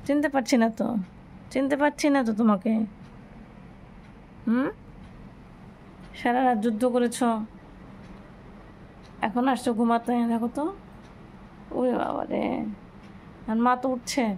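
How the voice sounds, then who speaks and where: A woman talking to her pets at home, half scolding and half coaxing in a playful singsong. Her voice sits fairly high, with a gravelly edge. A faint hiss of background noise runs under the recording. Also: fairly even intonation, measured pace, pauses often, a little mellow. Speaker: pet owner vlogger. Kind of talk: casual talk to her cats. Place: home, bedroom.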